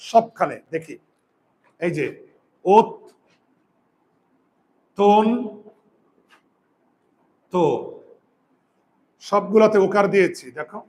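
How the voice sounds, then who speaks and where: A man teaching pronunciation, explaining step by step and often asking his students questions. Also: high voice. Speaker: Bengali grammar teacher. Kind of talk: whiteboard pronunciation lesson.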